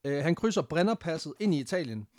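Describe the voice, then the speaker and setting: A man's voice: fairly high pitch, very animated, a little mellow, no echo. A man casually telling a history story on a podcast, laughing often and swearing freely, with English phrases mixed in.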